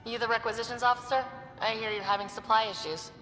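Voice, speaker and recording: An actress playing a confident, direct young female explorer-leader in a video game, speaking calmly and self-assuredly. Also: fairly high pitch, quick pace, reverberant, long reverb tail, faint music behind, poor audio. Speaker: Pathfinder.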